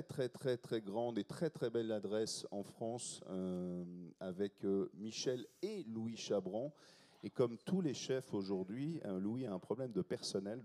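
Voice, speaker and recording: A man introducing chefs on a festival stage, talking in a hurried, improvised way with many restarts. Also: medium pitch, mellow. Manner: hurried, improvising, self-interrupting. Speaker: festival panel host.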